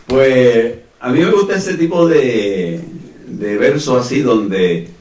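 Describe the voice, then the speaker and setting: A middle-aged Puerto Rican man telling stories with a relaxed, chatty manner in a community room. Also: mid-range voice, takes it slowly. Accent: Puerto Rican Spanish. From Puerto Rico. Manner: relaxed, chatty between songs, sings décima verses. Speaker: singer-storyteller. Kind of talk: sung verse and spoken storytelling with guitar. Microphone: stand mic, seen from a far camera. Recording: roomy, mic at a distance, loud guitar.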